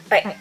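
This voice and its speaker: A woman's voice: far from the mic, rough recording. A woman from the UK who giggles often and swears casually while reading game text aloud during a gaming livestream. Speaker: streamer.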